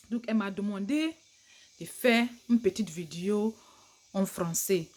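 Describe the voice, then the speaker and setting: Speaking to camera in a casual advice vlog, a native English-speaking woman offers tips in broken French with an English-speaking accent. She is chatty and laughs easily, her mid-range, darkish voice animated yet unhurried.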